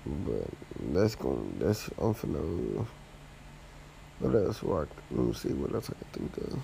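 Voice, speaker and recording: Young guy podcasting solo, gravelly lowish voice, slangy and rambly, bit of hiss behind. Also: sing-song, a little slow, warm tone. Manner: loose, slangy, rambling with frequent restarts. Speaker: podcast host. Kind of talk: casual dating-advice monologue.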